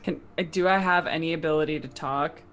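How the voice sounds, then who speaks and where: A woman's voice: deep voice, brisk, fairly bright tone. A woman chatting casually as a player in a tabletop role-playing game, with music behind her. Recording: music under the voice.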